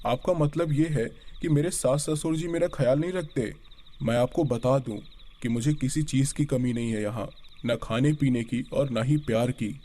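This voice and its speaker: A man's voice: medium pitch, moderate pace, mellow, lightly acted. A man doing a young village bride in pain. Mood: indignant. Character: young newlywed village bride, frightened and proud.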